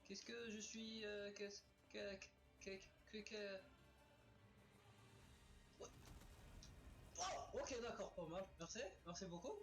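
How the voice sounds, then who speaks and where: Excitable male gamer on a webcam mic, high and bouncy, cursing at enemies over faint game music. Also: takes it slowly, pauses often. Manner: excitable, exclaiming, swearing at enemies. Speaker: let's play gamer. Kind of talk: excited gameplay commentary. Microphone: webcam's built-in microphone.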